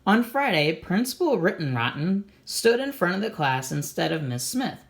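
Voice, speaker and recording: An expressive storybook reader gives children an animated read-aloud, explaining things and asking questions along the way. The voice is medium-pitched and creaky, at a moderate pace.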